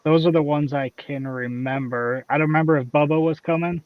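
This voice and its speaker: A man's voice: fairly high pitch, fairly even intonation, brisk, narrow, tinny audio. A man in casual chat, answering briefly and listing names.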